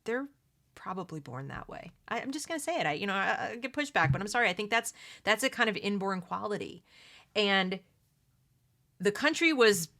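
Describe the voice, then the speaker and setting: Bright and forceful, this middle-aged American woman's mid-range voice is expressive and moves at normal speed. As host of a read-along commentary video, she reads from a book and offers opinionated, unscripted commentary with asides and rhetorical questions.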